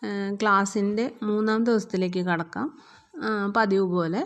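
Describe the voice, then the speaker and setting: A woman's voice: medium pitch, fairly even intonation, moderate pace. A woman giving a patient step-by-step sewing lesson, repeating each step and checking that learners follow. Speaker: sewing teacher.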